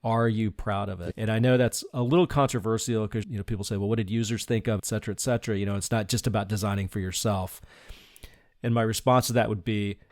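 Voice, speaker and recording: A middle-aged man with a fairly low voice talks through his ideas in a reflective, earnest way. He lets small laughs slip into his sentences. The sound is close and dry, with no room around it. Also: fairly even intonation, quick pace, a little mellow, no echo. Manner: reflective, earnest, laughs lightly while talking. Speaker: podcast guest, design leader. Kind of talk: conversational interview.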